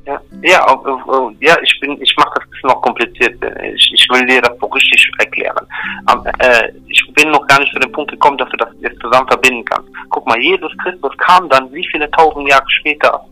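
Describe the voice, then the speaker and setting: Emphatic bright-voiced man explaining faith. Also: medium pitch, a little fast, soft background music, rough recording. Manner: emphatic, repetitive, checks in with "ja?" and "verstehst du?". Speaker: religious explainer. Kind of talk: earnest one-on-one religious explanation.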